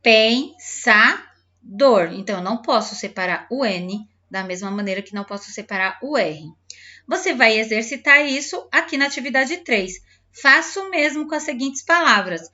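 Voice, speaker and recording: A woman teacher patiently explaining a textbook lesson to young pupils, slowly sounding out syllables and talking directly to the children. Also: on the high side, lively intonation, pushed and bright, muffled recording. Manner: spells out syllables slowly, clapping out words. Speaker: primary school teacher.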